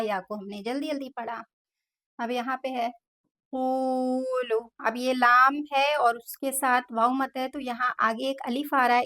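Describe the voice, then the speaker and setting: With a high, fairly bright voice, a woman leads a slow, step-by-step tajweed lesson. She spells out every letter of the Quranic text, then holds each long vowel.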